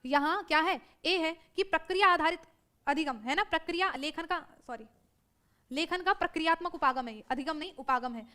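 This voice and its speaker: A woman teaching a live online exam-prep class, brisk and self-correcting, who keeps checking in with her students. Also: sits high, sharp tone.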